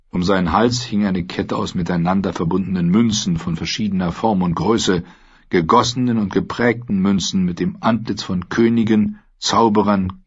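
Low husky male audiobook narrator. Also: lo-fi sound. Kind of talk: scripted fantasy narration.

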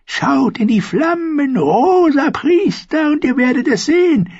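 A woman voicing a tiny, half-mad old female seer who speaks in slow, quavering prophecies. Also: very animated, darkish tone, dry recording, lo-fi sound, full character voice. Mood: cryptic. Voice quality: shrill, quavering. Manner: drawn-out, prophetic chanting.

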